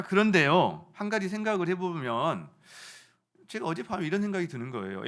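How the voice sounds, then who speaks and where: A middle-aged man preaching a sermon as pastor, swinging from loud rising phrases to soft storytelling. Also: a little high.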